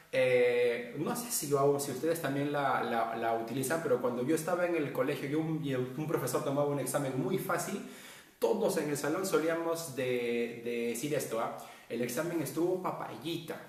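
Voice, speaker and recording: A man's voice: medium pitch, recorded from a distance. A male teacher giving a virtual class to secondary students, explaining casually with many fillers and tag questions. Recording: roomy echo, voice from off-mic.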